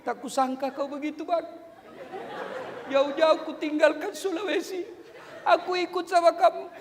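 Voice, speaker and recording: A man's voice: very high-pitched, steady tone, normal speed, long reverb tail, a crowd in the background, background noise, pitched above the performer's own voice. A man voicing an angry wife who scolds and insults her husband. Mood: hurt.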